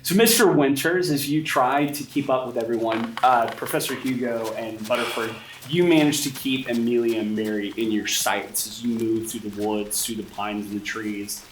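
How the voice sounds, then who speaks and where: A man's voice: medium pitch, fairly even intonation, normal speed, few pauses. A man narrating a tabletop horror game as game master, describing scenes and talking directly to the players. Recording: roomy echo, distant mic, faint noise.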